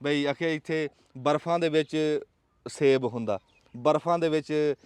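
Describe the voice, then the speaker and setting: A man's voice: fairly high pitch, a little slow, clear, resonant tone, no echo. A man with a Pakistani Punjabi accent hosting a casual vlog in an emphatic, rhetorical, folksy storytelling way. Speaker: vlog host. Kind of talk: casual outdoor vlog talk.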